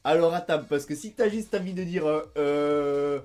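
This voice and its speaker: A man's voice: on the high side, moderate pace, heavy background noise. A young man from France hosts a comedy vlog. He talks playfully, curses freely and keeps trying to copy unfamiliar pronunciations. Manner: playful, swearing, mimicking an accent. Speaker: YouTuber.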